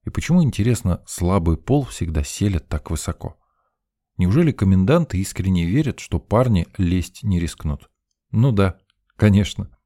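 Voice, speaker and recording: A man's voice: deep voice, lively intonation, normal speed, mellow, dry recording. A man reading a first-person audiobook in a wry, ironic storytelling manner, close to the mic. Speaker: audiobook narrator. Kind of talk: scripted first-person narration.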